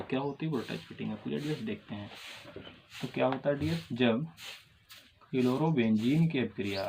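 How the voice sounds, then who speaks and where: A man's voice: mid-range voice, a little mellow, a little hiss or hum. Man teaching a chemistry lecture. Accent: Hindi-speaking North Indian. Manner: repeats questions and answers, calls students "dears". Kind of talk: classroom lecture. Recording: dull lo-fi sound with faint ambience.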